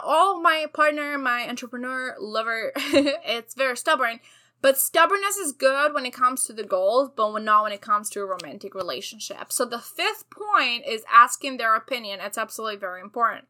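A woman's voice: fairly high pitch, pushed and bright. A woman hosting a solo advice podcast with hyper, over-caffeinated energy, chatty and emphatic as she addresses listeners familiarly. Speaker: podcast host.

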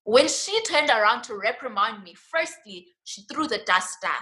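A woman's voice: fairly high pitch, lively intonation, normal speed, sharp tone, poor audio. A young woman in her late teens with a South African accent, retelling personal experiences in an emphatic, indignant way. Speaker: student guest. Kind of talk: personal storytelling in conversation.

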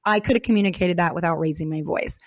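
A middle-aged woman co-hosts a podcast, speaking candidly, casually and with animation, acting out bits of remembered conversation and quoting imagined dialogue. She talks fast in a voice on the low side, and the recording is dry.

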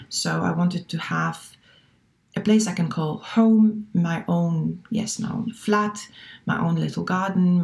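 A woman with a fairly low, creaky, darkish voice speaks English as a second language. She's a relocation coach appearing as a guest in a casual interview, chatting thoughtfully with lots of fillers and restarts.

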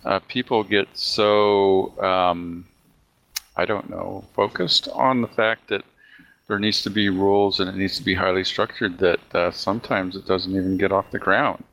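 A man hosting a casual podcast chat, talking haltingly with plenty of "uh" and "you know". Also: sits low, fairly even intonation, creaky, fairly bright tone.

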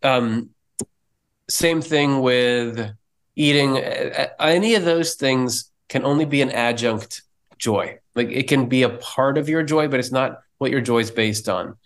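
Guy on a faith podcast, earnest and explainy, stops and restarts a lot, mid-pitched voice. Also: unhurried. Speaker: podcast co-host. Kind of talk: casual theological discussion.

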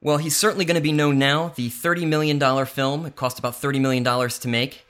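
Bright-voiced man hosting a chat show. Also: mid-range voice, level tone, fast. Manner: runs down the week's news, breezy. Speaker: podcast host. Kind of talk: casual chat.

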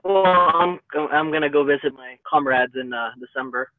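Man, caller, muffled underwater-sounding phone line, hands-free in car, halting, dry sound. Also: on the high side, no room sound. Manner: halting, repeats words. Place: car in traffic.

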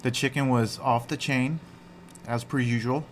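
A man's voice: medium pitch, fairly even intonation, a little slow, a little hiss or hum. A man chatting casually and laughing easily outdoors at a flying field. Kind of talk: casual chat.

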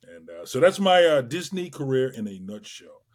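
A middle-aged man from Trinidad and Tobago, a guest entertainer telling his career story in a lively way, with many fillers. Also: mid-range voice, moderate pace, crowd noise. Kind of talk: casual interview chat.

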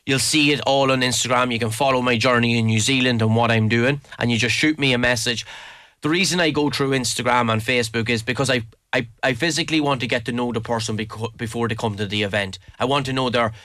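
An Irishman with a bright, forward voice at a middling pitch, recorded close and dry. He talks casually as an interview guest, with keen, emphatic enthusiasm, repeating words to press a point. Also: steady tone, fast talker, dry recording. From Leitrim, Ireland. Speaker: interview guest, mountain adventure guide. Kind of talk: casual spoken interview answers.

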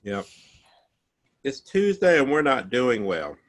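A man's voice: medium pitch, very animated, slow. A man co-hosting a podcast in casual chat, thoughtful and hesitant, searching for his words. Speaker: podcast co-host.

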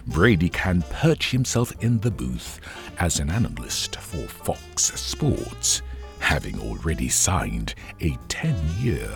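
Deep, gravelly man with wildly swinging intonation. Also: sing-song, a little slow, music in the background. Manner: wry, wordy, formal phrasing. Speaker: podcast host. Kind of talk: scripted opinion commentary monologue.

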